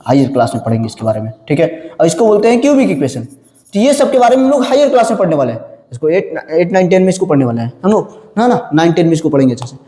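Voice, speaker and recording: High-voiced male maths teacher, echoey room. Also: big pitch swings, rapid-fire, warm tone. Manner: drills students with repeated questions and answers them himself; addresses viewers as children and brother. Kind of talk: classroom lecture. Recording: echoey room with long reverb.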